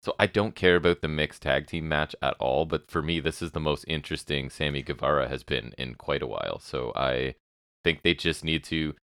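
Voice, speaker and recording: Male co-host with an extremely low, bassy voice, dry sarcastic takes, dry close recording. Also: normal speed, a bit bright, dry recording. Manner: sarcastic, opinionated commentary. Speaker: podcast co-host. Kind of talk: casual wrestling chat.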